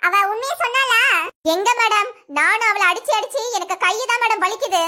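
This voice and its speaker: A woman's voice: very high voice, brisk, bright, forceful tone. A woman voicing a smug woman in a cartoon who mocks her jailed rival. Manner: mocking, smug. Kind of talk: cartoon voice acting.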